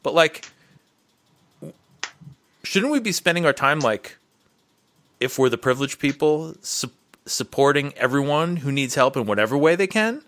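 A man's voice: fairly high pitch, animated, moderate pace, pauses often, a bit bright. A man who teaches writing, talking in a casual podcast chat. He rambles through his points with many restarts. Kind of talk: casual conversation.

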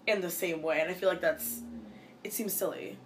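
Speaking with a lowish voice, a Minnesota college student in her twenties gives quick, casual answers in an interview, frequently restarting and filling gaps with "like." Slight background noise is present.

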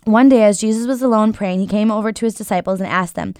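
A woman reading a Bible passage aloud in brisk, even, scripted narration. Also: medium pitch, no echo, clean studio sound. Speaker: Bible reader.

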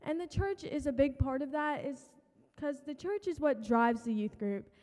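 Young female, high-pitched, youth group speaker reading a prepared church testimonial, reverberant hall. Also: moderate pace, dark tone. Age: teens to young adult. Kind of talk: prepared short speech to a congregation. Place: large church room.

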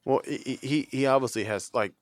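A man's voice: mid-range voice, fast talker, no echo, studio quality. A man co-hosting a casual podcast, rambling and musing aloud with lots of fillers. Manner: rambling, musing, many fillers like "you know what I'm saying". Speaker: podcast co-host. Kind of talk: casual chat.

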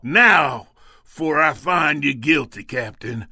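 A bossy cartoon frontier judge with an exaggerated drawl bangs out his rulings. His tone is bright and cutting, his pitch leaps around, and he takes his time over every word. The sound is dry and close. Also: lively intonation, slow pace, gravelly, no echo, heavily acted. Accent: exaggerated Old West drawl. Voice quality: loud, bossy, folksy. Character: blustering frontier saloon judge, male, middle-aged. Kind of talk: cartoon voice acting.

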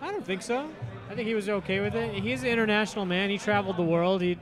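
A man's voice: high-pitched, fast talker. A man from Southern California, hosting a podcast and chatting casually with strangers outdoors, teasing and laid-back. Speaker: podcast host asking questions. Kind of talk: casual street chat. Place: outdoors on a busy city street. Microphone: handheld recorder. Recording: busy street with music and crowd. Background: music and crowd chatter.

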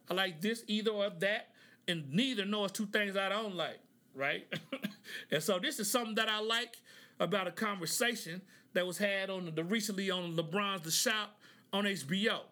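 A man's voice: sits high, bright, forceful tone. A man from Oklahoma hosting a podcast, talking casually and checking in with "right?" between points. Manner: conversational, frequent "right?" asides. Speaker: podcast host. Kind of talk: casual commentary.

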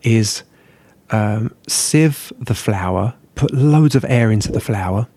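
Gravelly guy rambling on. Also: fairly low pitch, expressive, slow, warm tone, dry recording. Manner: rambling, self-deprecating, sweary. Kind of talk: casual chat.

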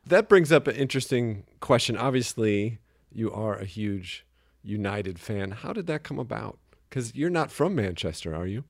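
Male host, casual interview, friendly questions, lowish voice, dry sound. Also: animated, normal speed, creaky, hardly any pauses, no room sound.

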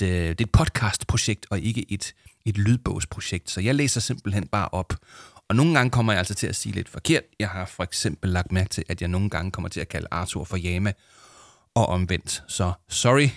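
A man's voice: fairly low pitch, no echo, studio quality. A man reading a children's story aloud for his podcast, casual and self-deprecating between chapters. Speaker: podcast host and reader.

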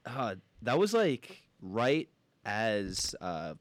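A man's voice: lowish voice, very animated, drawn-out words, no echo. A young man hosting a podcast, chatting casually in a laid-back, joking storytelling way. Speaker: podcast host. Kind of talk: casual chat.

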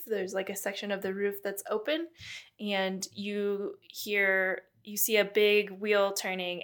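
A woman's voice: medium pitch, a bit bright. A woman narrating a tabletop game as game master, describing scenes with hesitant fillers.

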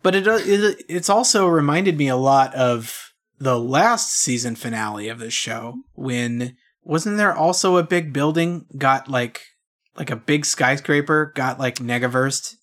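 A man's voice: medium pitch, animated, unhurried, fairly bright tone. A man co-hosting a podcast with casual, wry show commentary. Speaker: podcast co-host.

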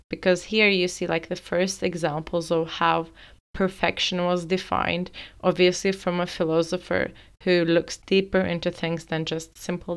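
Smooth-voiced woman hosting a podcast. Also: lowish voice. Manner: thoughtful, explanatory, uses many fillers like "like". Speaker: podcast host. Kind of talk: solo podcast monologue.

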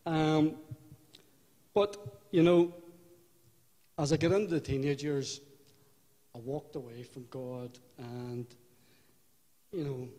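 An older man with a Belfast accent giving a personal testimony in church, unhurried and reflective, with halting restarts. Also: on the high side, fairly even intonation, mellow. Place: church hall. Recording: hall reverb.

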